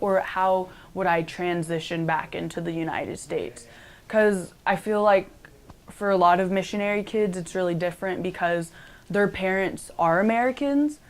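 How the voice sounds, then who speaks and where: A young woman from Cambodia, now a college student, giving casual interview answers with lots of "like" and "um". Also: lowish voice. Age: young adult. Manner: chatty, many "like" and "um" fillers.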